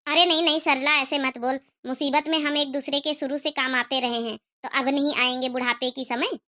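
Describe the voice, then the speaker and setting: A woman's voice: high-pitched, steady tone, moderate pace, bright, forceful tone. A woman voicing an elderly female friend who promises support. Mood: reassuring. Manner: reassuring.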